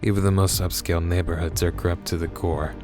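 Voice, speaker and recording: A man's voice: deep voice, little pitch movement, fast, close to an everyday voice. A man reading the lines of a jaded, bitter woman cop in a cyberpunk game, with a dry, sardonic delivery. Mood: weary. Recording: music playing behind.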